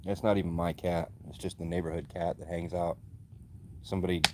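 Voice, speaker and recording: Streamer type: man, fairly low, flat monotone delivery, laid-back chat into a phone mic outside by a fire. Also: fairly quick, very noisy. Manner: easygoing, answers chat comments with many fillers. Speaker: livestream host. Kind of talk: casual live-stream chat. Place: outdoors by a backyard fire. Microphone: phone, streaming from mobile.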